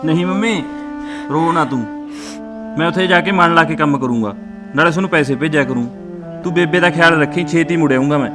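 Guy as a young punjabi son, quick and reassuring, high voice, music behind. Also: natural voice. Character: young man leaving home to work abroad.

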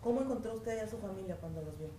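Woman interviewer, fast and direct, far from the mic, roomy echo, noisy background. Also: mid-range voice, warm tone. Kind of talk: news interview questions. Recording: distant, echoey, with ambient noise.

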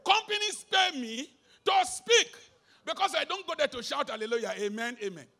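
A Nigerian man preaching a sermon live at a concert, swinging between shouted lines and low muttered asides, slipping into pidgin. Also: lively intonation, normal speed.

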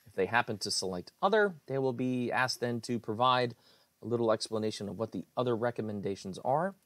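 A man's voice: mid-range voice, lively intonation, fairly quick, a bit bright, no room sound. A man, an IT director, explains website changes in a screencast walkthrough, speaking plainly with frequent fillers. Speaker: IT director presenting website updates.

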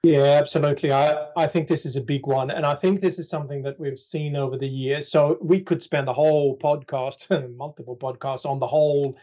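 A man's voice: on the high side, fairly even intonation, brisk, hardly any pauses, dark tone, lo-fi sound. A man speaking as an expert guest on a podcast, explaining things conversationally with dry sarcastic humor and many "right?" tags.

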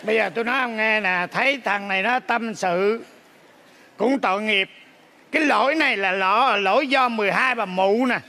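Bright, high-voiced wry man. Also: moderate pace, creaky. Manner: wry, commenting asides. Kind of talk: stage comedy sketch. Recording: live stage with faint noise.

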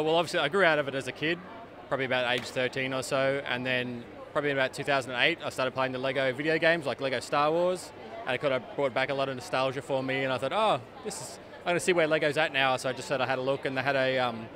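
A man in his thirties, an exhibitor answering interview questions in a relaxed, slightly hesitant way. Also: medium pitch, fast talker. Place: busy expo hall. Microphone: handheld mic. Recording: crowd noise behind.

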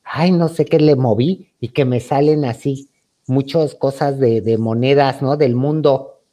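A man's voice: medium pitch, measured pace, mellow. Chatty Mexican man telling a story. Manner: chatty, playful, campy, calls the audience "hermanitas". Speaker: YouTuber host. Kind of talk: storytime monologue.

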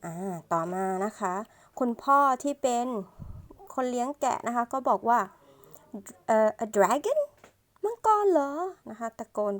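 A woman's voice: fairly high pitch, lively intonation. A woman, reading an English storybook aloud line by line and patiently explaining each part as a teacher. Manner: slow, patient, ends phrases with polite particles.

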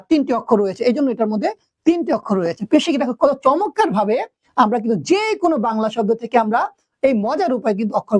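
High-voiced woman teaching a lesson. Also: a little mellow, no room sound. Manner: asks students questions, stretches words to count syllables. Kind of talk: video lesson.

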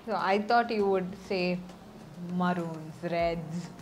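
A woman's voice: lowish voice, slow, a little hiss or hum. A woman asking casual questions as an interviewer. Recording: background music under the talk.

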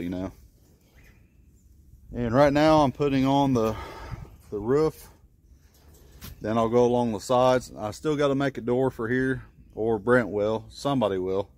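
This man's voice sits fairly low and is a little mellow. In his thirties, he's a homesteader building a chicken run outdoors beside the coop in a wooded yard, chatting in a folksy, plain-spoken manner for a casual how-to vlog shot on a handheld phone camera.

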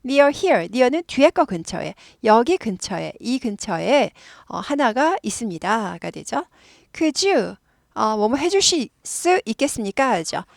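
Gravelly-voiced woman teaching English. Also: a little high, slow, dry recording, studio quality. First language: Korean. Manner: lively, repeats phrases for drilling. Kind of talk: explaining an English dialogue.

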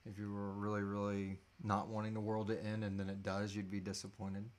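Talking fairly quickly in a low, monotone voice, a podcast co-host in his thirties fields listener questions during a laid-back live chat, joking around and cursing casually. The setting is a small room indoors.

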